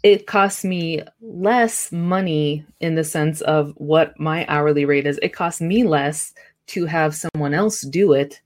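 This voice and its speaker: A woman hosting a podcast, talking in a conversational way and affirming her guest. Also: low voice. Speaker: podcast host. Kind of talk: casual podcast interview.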